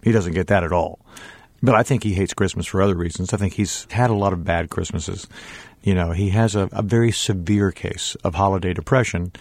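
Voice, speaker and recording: A male stage actor chatting in a radio interview, thoughtful and animated, laughing now and then. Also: deep voice, fairly quick, dry recording. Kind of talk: casual interview chat.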